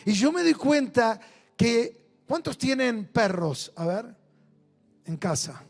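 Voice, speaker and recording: A man with an Argentine Rioplatense accent, preaching a storytelling sermon to a church gathering, moving between soft intimate asides and loud bursts. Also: very high-pitched, very animated, slow, gravelly. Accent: Argentine Rioplatense Spanish. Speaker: pastor. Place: church meeting with live audience.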